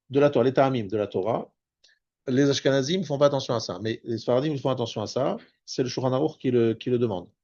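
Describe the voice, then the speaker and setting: Rabbi explaining prayer reading aloud. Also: male voice, medium pitch, a little mellow, lo-fi sound. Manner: explanatory, repeats and restarts words, stresses Hebrew terms slowly. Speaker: rabbi teaching a class. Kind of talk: spoken Torah lesson.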